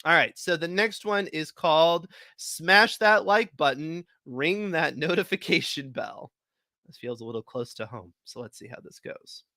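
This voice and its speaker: A man hosting a live event, reading stories aloud in a lively, expressive way. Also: fairly high pitch, measured pace, no echo. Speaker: host.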